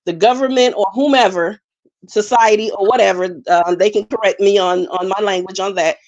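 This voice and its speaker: A woman born in Jamaica and raised in the United States makes a long, earnest, measured point as a participant in a live online panel discussion. Her mid-range voice is a little mellow with fairly even intonation, and the recording sounds muffled.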